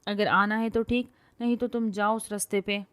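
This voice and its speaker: Loud quarrelsome young heroine, read by a woman. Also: mid-range voice, fairly even intonation, clear, resonant tone, close to an everyday voice. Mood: angry. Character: bossy, boastful, hot-tempered young university woman. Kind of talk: storybook reading.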